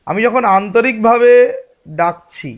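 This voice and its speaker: A man's voice: sits high, a little slow. A man giving a spiritual discourse as a religious teacher, explaining patiently and asking rhetorical questions.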